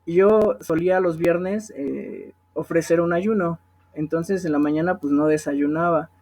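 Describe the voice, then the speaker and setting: A man's voice: a little high, measured pace, darkish tone. A young man with a Mexican accent telling a personal testimony in a conversational way, often checking in with his listeners. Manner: conversational storytelling, often asks the audience "¿no?".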